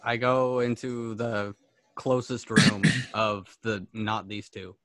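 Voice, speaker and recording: A man's voice: on the low side, level tone, slow, a bit bright, dry recording. A man casually role-playing and describing actions as a player in a tabletop game. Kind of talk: casual role-play chat.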